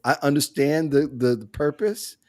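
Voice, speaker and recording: A man's voice: fairly high pitch, steady tone, normal speed, a little mellow. A man hosting a casual panel chat on a video call. He talks in a conversational way and laughs often. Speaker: host.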